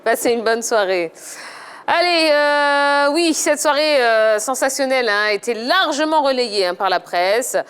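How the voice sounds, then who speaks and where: Brisk woman hosting a sports talk show. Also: sits high, lively intonation, fairly bright tone, clear, resonant tone. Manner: brisk, many fillers like "hein". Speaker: host.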